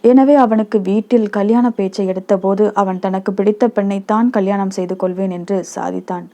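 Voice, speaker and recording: A woman narrating a short story as a storyteller, in a calm, measured reading. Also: medium pitch.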